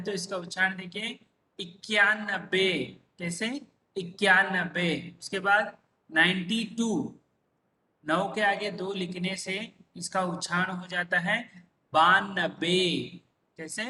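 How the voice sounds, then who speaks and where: Man teaching, slow and deliberate, high voice, echoey room off the mic. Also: bright, forceful tone, distant mic, slight background noise. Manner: drawn-out repeated pronunciations, asks and answers himself. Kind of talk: slow classroom-style number lesson.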